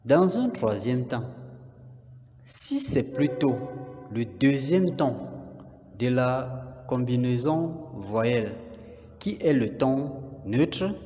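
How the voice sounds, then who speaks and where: Slow, measured man with a dark voice. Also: mid-range voice, sing-song. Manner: measured, methodical, pauses between phrases. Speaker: teacher. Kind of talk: slow deliberate lesson narration. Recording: voice with long reverb.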